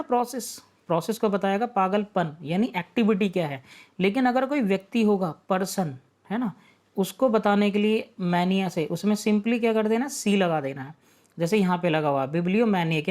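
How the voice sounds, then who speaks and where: A man's voice: high-pitched, a little mellow. Man, teacher, online exam-prep lesson, patient explanations, rhetorical questions, frequent check-ins.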